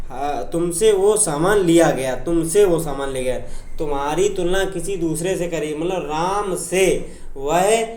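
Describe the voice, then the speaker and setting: A man's voice: high-pitched, darkish tone, roomy sound. A man teaching an exam-prep grammar lecture, explaining with examples, repeating points and often checking in with his students.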